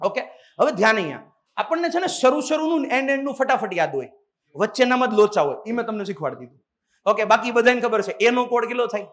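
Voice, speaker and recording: A very high-pitched male teacher talks fast through a lively lecture, putting call-and-response questions to the class and often calling out to the students.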